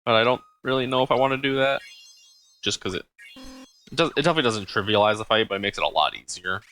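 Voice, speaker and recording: A man gives casual commentary while playing a video game, stopping often for ums and uhs as he thinks aloud. His voice is fairly low but bright and forceful. Soft game music plays behind him. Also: fast. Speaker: let's play host.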